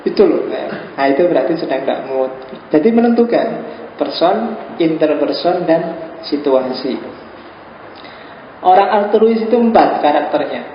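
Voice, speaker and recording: A man's voice: on the high side, lively intonation, unhurried, pauses often. Man lecturing in an echoey room. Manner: joking, acts out quoted dialogue. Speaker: philosophy lecturer. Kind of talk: informal lecture. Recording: echoey room, dull lo-fi sound with faint hiss.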